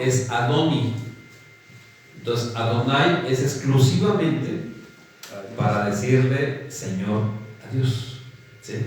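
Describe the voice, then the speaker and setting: A man's voice: medium pitch, a little hiss or hum. A man with a Mexican Spanish accent preaching a teaching sermon, who keeps checking in with his listeners by asking "¿sí?" and calls them "hermanitos". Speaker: pastor. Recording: echoey hall from a distant mic, faint ambience.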